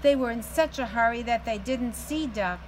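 The recording is rough, with outdoor ambience and some background noise, as a middle-aged woman reads a picture book to children on a patio. She narrates in a slow read-aloud storytelling style, her voice a little high and her speed normal.

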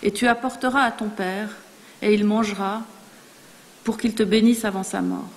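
A woman reading aloud the words of a mother who gives her son firm orders, in a measured, solemn way. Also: mid-range voice, fairly even intonation, close to an everyday voice. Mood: urging. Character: older matriarch mother giving firm orders. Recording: long reverb in a large hall.

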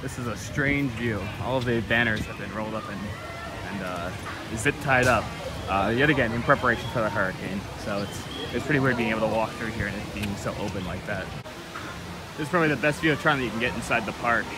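Young guy vlogging outdoors on his phone, rambly, loud music playing behind him. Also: fairly low pitch, fast talker. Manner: casual, rambling with fillers. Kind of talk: walking theme park vlog. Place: outdoors in a theme park.

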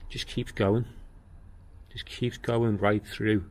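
A man giving a casual tour of his walled garden outdoors, talking in a plain-spoken, unhurried way as he walks and explains. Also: on the low side, level tone, darkish tone. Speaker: gardening vlogger.

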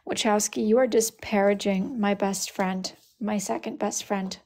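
A woman's voice: medium pitch, fairly even intonation, measured pace, darkish tone. A woman hosting a casual live stream, sassily scolding commenters by name and repeating phrases for emphasis. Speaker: livestream host.

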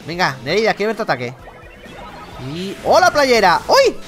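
A man with a Spain Spanish accent commenting on his video game playthrough, excitable, with loud exclamations and slang. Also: high-pitched, moderate pace, faint music behind. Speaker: gaming youtuber.

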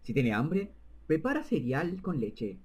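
A man's voice: fairly high pitch, big pitch swings, slow pace, darkish tone, breathy edge, exaggerated voice. A man reading the lines of a stern, formal middle-aged father in a video game.

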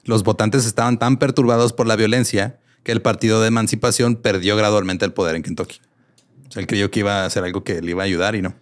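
A man's voice: on the low side, fairly even intonation, fast talker. A man with a Mexican Spanish accent co-hosting a casual comedy history podcast, reading quotes aloud and laughing often. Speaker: podcast co-host telling a history story.

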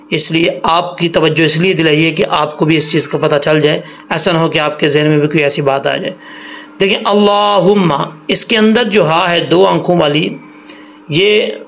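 A man's voice: high-pitched, vocal fry, a bit bright, slight background noise. A man teaching an online recitation lesson, explaining patiently and repeating points, stretching out syllables to demonstrate pronunciation.

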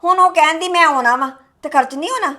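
A woman playing a high-voiced, stressed young wife. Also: quick pace. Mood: defensive. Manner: sharp, complaining, then weary and low. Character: stressed young wife worried about debts. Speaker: daughter-in-law character.

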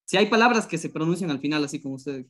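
Man, enthusiastic student on a video call, bit high. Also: lively intonation, quick pace, a bit bright. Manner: curious, enthusiastic. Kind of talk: asking questions in an online class.

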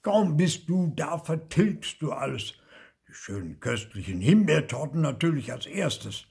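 A man's voice: medium pitch, sing-song, slow, vocal fry, mellow, husky, voice pushed up, heavily acted. Onkel Oskar, a man doing a pompous old ghost. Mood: indignant. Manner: pompous, indignant. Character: big, stern old uncle ghost.

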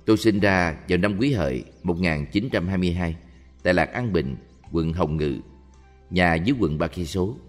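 Man with a really low voice reading a story steady, faint music under it. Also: normal speed, long reverb tail. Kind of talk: reading Buddhist stories aloud.

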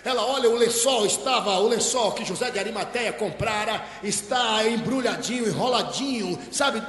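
A male pastor with a Bahian accent preaching a sermon as dramatic storytelling, switching between loud outbursts and quiet asides. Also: sits high, normal speed, soft background music. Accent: Bahian Portuguese. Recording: echoey hall with long reverb.

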